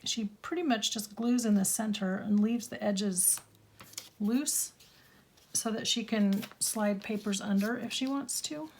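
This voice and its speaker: A middle-aged woman, a little croaky, chatting casually and rambling as she crafts in her home studio, laughing at herself often. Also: mid-range voice, unhurried, a little mellow. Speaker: craft channel host. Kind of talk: casual chat while crafting.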